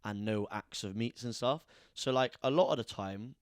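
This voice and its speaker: A young man with a lowish voice co-hosts a casual podcast, speaking at a moderate pace and rambling with lots of restarts and easy laughter. The sound is clean studio quality with no echo.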